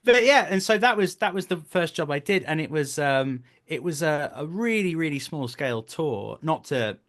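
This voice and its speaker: Guesting on an interview, this British voice actor and stage performer in his thirties talks casually and at length, explaining and spinning stories. His fairly high, fairly bright voice has lively intonation at a normal speed, and he slips into short acted quotes as he goes.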